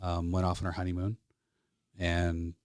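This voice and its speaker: This low, monotone voice belongs to a plain-spoken Alberta man in his fifties, a flight service specialist with a Canadian accent, chatting and telling stories as a podcast guest in a studio. He talks at normal speed, and his tone is a little mellow, clear and resonant. There's no echo.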